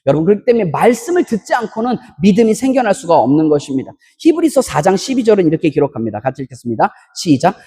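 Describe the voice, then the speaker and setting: A Korean pastor preaching an emphatic sermon in a church, breaking into loud shouted bursts between storytelling asides. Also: medium pitch, big pitch swings, very fast, hardly any pauses, husky. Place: church sanctuary. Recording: long reverb of a church hall.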